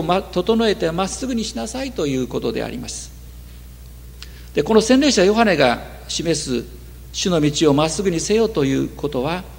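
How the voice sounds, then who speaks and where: Gravelly-voiced man preaching in a reverberant hall. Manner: measured preaching, trailing off low at phrase ends. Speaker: pastor. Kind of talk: sermon.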